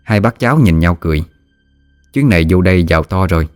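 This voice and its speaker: A man narrating a ghost story in a steady storytelling manner. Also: sits low, quick pace, clean tone, dry recording, studio quality. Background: soft music.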